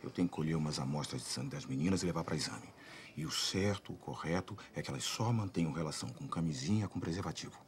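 A man acting a calm, serious health worker in a film drama, voicing earnest concern. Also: a bass voice, fast, slight background noise.

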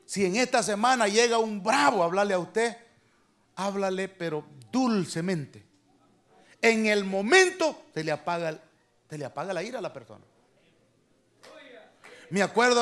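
A male pastor preaching. He talks to the congregation in a conversational way and keeps calling them brother. His delivery swings from quiet, soft asides to loud, emphatic lines. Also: high-pitched. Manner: conversational preaching, often addressing "hermano". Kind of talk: sermon. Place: church.

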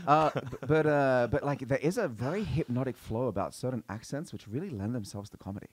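A man's voice: mid-range voice, animated, brisk, husky, no echo. A man hosting a podcast in casual chat, laughing along and swearing casually. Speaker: podcast host. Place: podcast studio.

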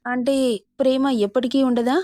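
A woman voicing a caring older mother-in-law who speaks gently and muses to herself in a storybook. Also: high voice, little pitch movement, brisk, no room sound, studio quality, close to an everyday voice. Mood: puzzled. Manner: gentle, musing.

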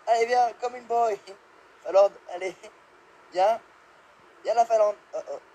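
A young man giving live gameplay commentary, excitable, yelping and laughing, swearing and dropping English exclamations. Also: high-pitched, measured pace, poor audio. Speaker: gamer.

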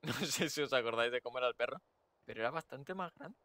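Excitable man playing a game. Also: medium pitch, fast talker, dry recording. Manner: excitable, jokey, swears freely. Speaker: streamer. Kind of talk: let's play commentary.

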